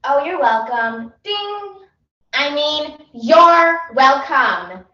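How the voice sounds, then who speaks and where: A young woman performing a plain, mumbly young actress with a deadpan delivery, heard in an echoey room from a distant mic. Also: fairly high pitch, a little slow, lo-fi sound. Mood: flat. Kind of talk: competitive humorous interpretation.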